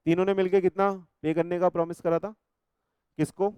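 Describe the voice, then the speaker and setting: A man with an Indian accent teaching a law class, slowly reading legal text aloud and then explaining it in chatty, teasing asides while checking whether students follow. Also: high-pitched, level tone, dark tone, clean tone, no room sound.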